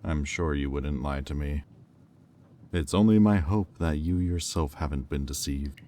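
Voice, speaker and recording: Dark in tone, the man's very deep voice moves slowly and deliberately as his haughty demon sizes things up at the auction, cool and probing. The sardonic, condescending villain performance sits over faint background noise.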